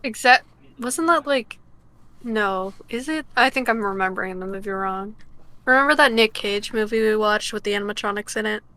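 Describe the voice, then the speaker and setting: A woman's voice: medium pitch, normal speed, sharp tone. A woman co-hosting a podcast, chatting casually and joking, laughing often. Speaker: podcast co-host. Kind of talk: casual chat.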